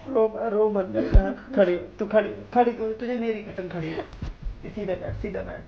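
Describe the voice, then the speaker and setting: Young man pleading softly, dull audio. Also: sits high, steady tone, normal speed, vocal fry, crowd noise. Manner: pleading and soothing, repeats pet names. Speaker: prank video host. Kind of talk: staged prank conversation. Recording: dull audio with faint noise.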